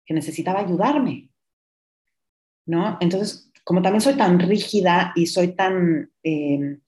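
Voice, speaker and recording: A woman's voice: lowish voice, takes it slowly, a little mellow. A middle-aged woman, hosting a podcast and telling a personal story in a candid, reflective way, sometimes slipping English words into her speech. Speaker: podcast host. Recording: roomy echo.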